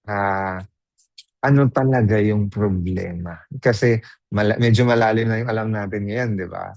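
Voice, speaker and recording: A man's voice: lowish voice, normal speed, vocal fry, a little mellow, no room sound. A man giving a live online training, chatting casually, mixing Tagalog and English, and putting questions to the audience. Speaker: webinar trainer.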